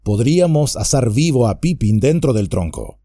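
A man's voice: mid-range voice, sing-song, normal speed, warm tone, no echo, studio quality. A man voicing a frightened young male hobbit who cries out in alarm, in an audiobook reading. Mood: worried. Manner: anguished, raising voice in alarm.

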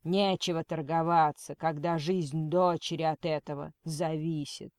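Woman reading a slow, menacing male kidnapper. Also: low-pitched, fairly even intonation, darkish tone, dry recording, clean studio sound. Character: cold male kidnapper on the phone.

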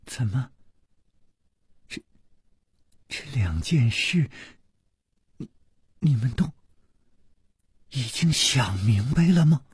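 A man's voice: low voice, fairly even intonation, mellow, no echo. A man voicing a cold male schemer who sneers and stammers when cornered. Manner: cold sneers turning halting.

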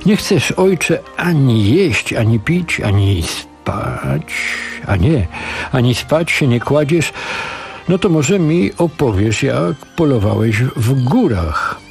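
A man voicing a young woman who gently coaxes her father-in-law in a storybook reading. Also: medium pitch, lively intonation, slow, gravelly, soft background music, voice pushed up. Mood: coaxing. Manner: coaxing, gentle.

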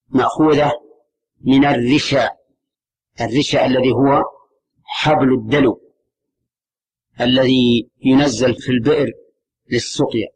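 A male scholar giving a religious lesson, measured and repetitive, putting questions to his class. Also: mid-range voice, poor audio. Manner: measured, repeats key terms, asks the class questions. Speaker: Islamic scholar teaching a class.

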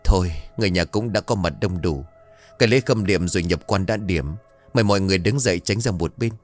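A man voicing a Buddhist monk leading a funeral, measured and formal. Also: low voice, faint music behind, lightly acted. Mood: solemn.

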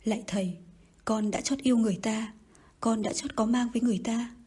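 A woman's voice: fairly high pitch, fairly even intonation, fairly quick, dark tone, slightly rough. A woman voicing a desperate pleading girl. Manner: pleading, begging. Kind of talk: audiobook reading.

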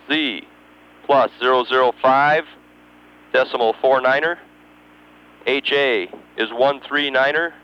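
Slow, clear man on dull mission radio. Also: mid-range voice. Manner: methodical, digit-by-digit reading with pauses. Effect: radio transmission. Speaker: mission control capsule communicator. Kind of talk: procedural radio read-up of figures. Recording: dull, band-limited mission radio channel.

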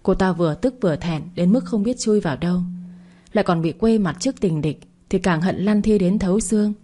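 A woman narrating a serialized story in a steady, even reading. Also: mid-range voice, fairly quick.

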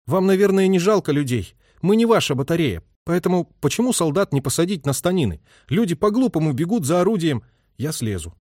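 A man's voice: fairly high pitch, very animated, brisk, darkish tone, no echo, clean studio sound, voice pushed up. A man voicing a stubborn young male officer who speaks with curt indignation. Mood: indignant.

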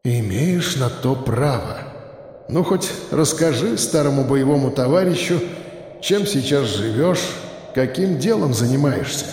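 Man voicing a tired old retired police colonel, low and quiet, remorseful, audiobook reading in a roomy, reverberant room. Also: lively intonation, measured pace. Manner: quiet, subdued, pleading. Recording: roomy reverb, faint noise.

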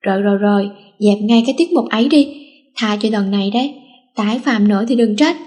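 A woman's voice: medium pitch, a little fast, darkish tone, lightly acted. A woman voicing a stern, wry middle-aged father scolding his daughter, in an audio story. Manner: mock-sweet then stern.

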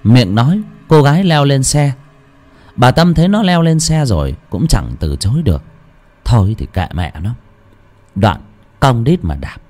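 A man narrating a ghost story with dramatic, lively storytelling. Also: medium pitch, normal speed. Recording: music under the voice.

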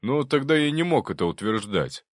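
A cautious medical expert weighing every answer, careful and measured, as a male narrator voices him. The pitch moves lively. The recording is dry and close. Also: dry recording, close to an everyday voice. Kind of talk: audiobook reading.

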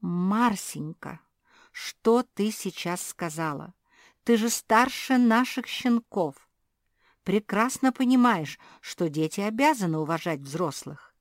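A woman voicing a prim, strict adult female dog in an audiobook, scolding gently. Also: medium pitch, animated, slow pace, no echo, clean studio sound, voice pushed up.

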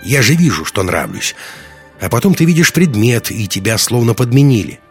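A man reading an audiobook voices a prickly, defensive young man who answers curtly and snaps back, pitched a little higher than his own voice. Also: big pitch swings, moderate pace, breathy edge, soft background music, full character voice. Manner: curt, snapping, defensive.

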